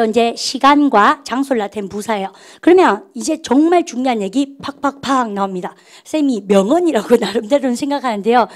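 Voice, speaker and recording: A woman English grammar teacher giving an online lecture, drilling students with call-and-response and reading example sentences very slowly. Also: on the high side, darkish tone.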